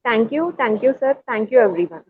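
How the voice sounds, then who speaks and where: A woman's voice: on the high side, expressive, brisk, slightly rough, phone-quality sound. A woman host with an Indian English accent giving a formal, polite introduction of a guest speaker.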